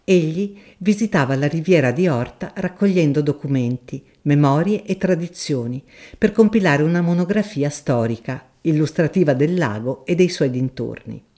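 Woman, narrator, classic novel reading, measured, expressive delivery. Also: low voice. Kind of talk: literary audiobook reading.

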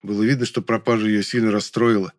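A man narrating a first-person story as an audiobook, telling it in a steady storytelling voice. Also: fairly low pitch, fast.

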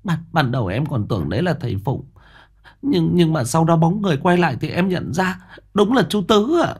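A man voicing a frightened village woman who stammers and rushes her words. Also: a little high, very animated, darkish tone, breathy edge, voice pushed up, full character voice. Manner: stammering, breathless.

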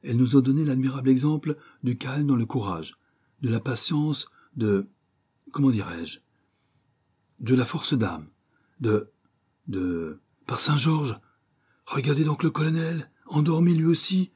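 A man putting on an excitable toastmaker. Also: mid-range voice, measured pace, long pauses, slightly rough, pitched above the performer's own voice. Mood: effusive. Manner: chattering, effusive. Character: excitable chatty Englishman making a toast.

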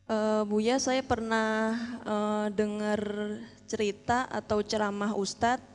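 Polite, hesitant woman questioner in a reverberant hall, flat and even voice. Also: mid-range voice, takes it slowly, clear, resonant tone. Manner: polite, hesitant with many fillers. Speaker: audience member asking a question. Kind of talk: formal question to a preacher.

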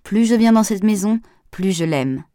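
A woman's voice: mid-range voice, lively intonation, normal speed, warm tone, no room sound, natural voice. A woman reading aloud, voicing a man with a dry, slightly irritated manner. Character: Samuel, a slightly impatient man.

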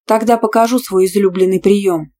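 A woman's voice: medium pitch, fairly even intonation, moderate pace, natural voice. A woman voicing a young female student who answers back sharply and defiantly. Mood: indignant. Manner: sharp, defiant, easily outraged.

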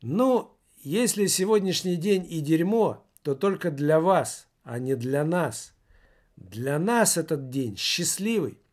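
A beaming, boyish young man pleads for peace in a raised, bright voice, as a male narrator puts him on. He sounds insistent and happy. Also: a little high, expressive, takes it slowly. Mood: joyful. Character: cheerful young man, almost a boy, peacemaker.

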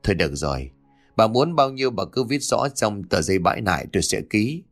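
A man voicing a calm older father who speaks slowly and composedly. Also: lowish voice, soft background music. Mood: resigned. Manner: slow, composed.

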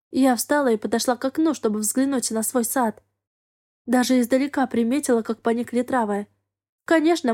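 Woman, audiobook narrator, somewhat high pitch, measured first-person storytelling. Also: dark tone.

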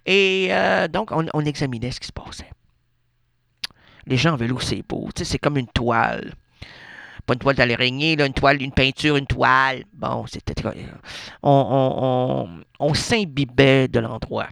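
A man's voice: medium pitch, moderate pace, vocal fry, fairly bright tone, no room sound, studio quality. A man with a Québécois French accent, a radio host telling a rambling comic monologue full of absurd asides and self-interruptions. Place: radio studio.

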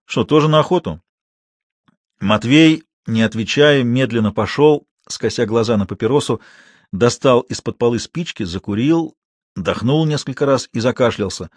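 A man reading a literary story aloud as narrator, measured and expressive. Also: mid-range voice, dry recording, studio quality.

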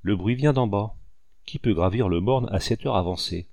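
A man's voice: on the low side, moderate pace, a little mellow, dry recording, lo-fi sound, natural voice. A man voicing a tough male hunter who talks in a mocking, teasing way. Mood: wary.

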